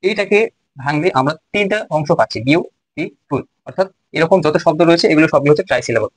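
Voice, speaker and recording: Male tutor, slightly high voice, dry close sound, slow, repeats himself. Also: animated, husky, no echo, low-quality recording. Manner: slow, repeats phrases while writing examples. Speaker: teacher. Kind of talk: Bengali grammar lesson.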